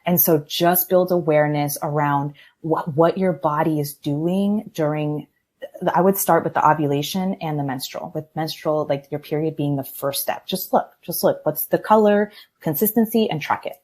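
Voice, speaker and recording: A woman in her thirties with a low voice, talking as a guest in a relaxed podcast interview. She is candid and reflective and laughs easily. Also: normal speed. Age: 30s. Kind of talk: casual interview talk.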